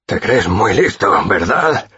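A man voicing a brutal, menacing city guard who pants and jeers slowly, in a dull, dry recording. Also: on the low side, very animated, sharp tone, slightly rough, no room sound, voice pushed up, exaggerated voice. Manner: panting, threatening, slow jeering.

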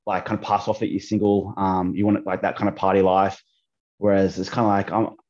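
An Australian man in his thirties, a guest on a podcast, chats casually over a call, hesitant and full of ums and restarts. His voice is low-pitched with little pitch movement, fairly quick and darkish in tone. The audio is dull.

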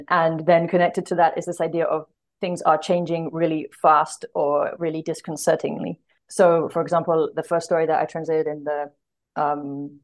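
A deep, darkish female voice belongs to a literary translator on a podcast, who talks thoughtfully and earnestly in conversation, often working to find her words.

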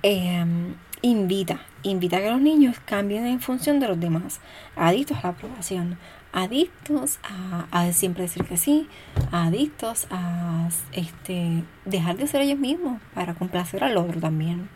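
A woman's voice: on the low side, animated, measured pace, a little mellow, a little hiss or hum. A woman speaking casually as a parenting educator, talking things through with fillers and acting out quoted voices. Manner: conversational, thinks aloud with fillers. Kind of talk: casual spoken talk on parenting.

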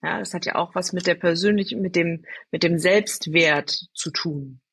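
Bright, husky woman telling stories. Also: on the low side, moderate pace. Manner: lively, answers her own rhetorical questions; addresses the listener directly. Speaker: storytelling guest. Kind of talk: conversational podcast interview.

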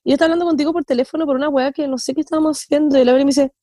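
A young woman with a Chilean accent retells a story dramatically to her friends, acting out the lines people said. Her voice is high and recorded close, with a dry sound. She keeps a casual, chatty manner. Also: steady tone, racing, warm tone, no echo. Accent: Chilean Spanish. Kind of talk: casual chat among friends.

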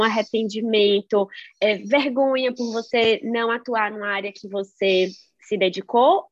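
A chatty woman hosts a podcast interview, her voice pitched a little high. The sound is dull and lo-fi, with a dry, close feel. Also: no room sound. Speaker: podcast host. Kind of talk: casual interview chat.

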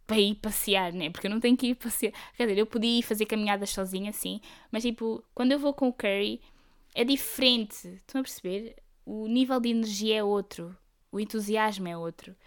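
A woman's voice: medium pitch, clean tone. A young woman with a European Portuguese accent chatting casually as a solo podcast host, rambling through stories in slangy speech with English words mixed in.

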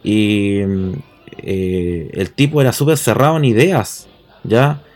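A man's voice: lowish voice, lively intonation, takes it slowly, darkish tone. A man with a Chilean accent explaining history in casual talk, often checking agreement with tag questions. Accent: Chilean Spanish.

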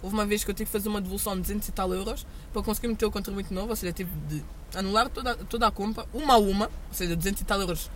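A woman's voice: medium pitch, fairly even intonation, racing, few pauses, slight background noise. A young woman with a European Portuguese accent, co-hosting a podcast and chatting about customers in a giggly, anecdotal way. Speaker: podcast co-host. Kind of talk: casual chat.

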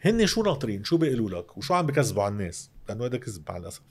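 A man with a Lebanese Arabic accent speaks quickly in an explanatory interview style. He is emphatic about economics and often sets up his points with rhetorical questions. His voice sits at an average male pitch. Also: big pitch swings, a little mellow. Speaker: interview guest, economic commentator.

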